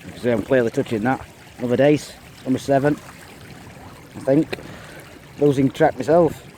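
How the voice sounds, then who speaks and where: A man's voice: medium pitch, normal speed, mellow. A man with an English accent giving casual running commentary while fishing outdoors, counting each catch aloud as he wades in a river. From England. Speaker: angler vlogger. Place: outdoors on a windy riverbank, wading. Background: flowing water and wind.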